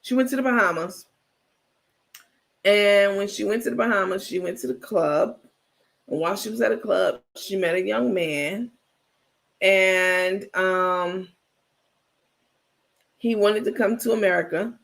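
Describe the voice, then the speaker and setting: High, gravelly-voiced man chatting live. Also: a little slow, pauses often. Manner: animated, talkative, blunt, laughs often. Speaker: livestream host. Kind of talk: casual live gossip commentary, reacting to viewer chat.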